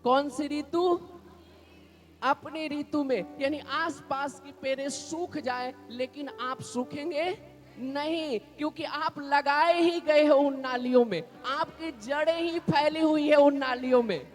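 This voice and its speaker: Slow, high-voiced pastor preaching. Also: male voice, faint music behind. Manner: repetitive call-and-response preaching, has congregation repeat declarations. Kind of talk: sermon. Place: church.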